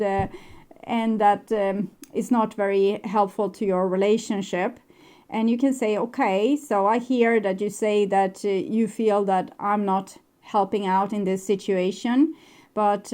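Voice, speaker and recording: Mellow-voiced woman giving a tarot reading. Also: mid-range voice. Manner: gently advising, addresses the viewer directly; loose, wandering phrasing with fillers. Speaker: tarot card reader. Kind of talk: pick-a-card tarot reading monologue.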